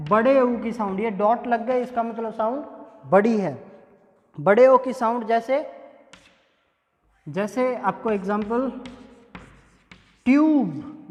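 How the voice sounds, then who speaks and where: Slow, repetitive male phonetics teacher. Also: very high-pitched. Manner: slow and deliberate, repeats example words for drilling. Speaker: English pronunciation teacher. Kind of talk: classroom-style phonetics lesson. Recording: echoey room with long reverb.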